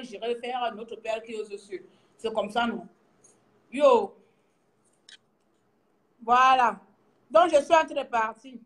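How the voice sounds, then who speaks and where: A middle-aged woman from Gabon with a Gabonese French accent, teasing her viewers in a lively casual vlog, laughing often and trailing off as she searches for words. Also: on the high side. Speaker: vlogger. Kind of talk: casual mocking commentary to viewers.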